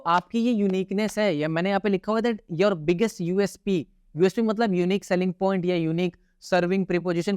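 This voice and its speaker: A young man teaching a recorded online course lesson. He is emphatic, asks rhetorical questions and answers them himself, checks in with the viewer again and again, and shifts his tone and pace on purpose with deliberate pauses. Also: high voice, clear, resonant tone, dry recording, clean studio sound. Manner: emphatic, keeps asking "theek hai?" to check in.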